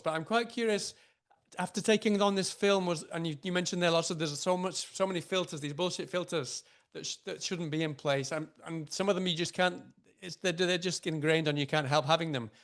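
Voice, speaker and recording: A man interviews a film actor, winding his way through long questions with plenty of "um" and "kind of." His voice sits a little higher than most men's. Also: fairly bright tone. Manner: rambling, hedging questions full of fillers.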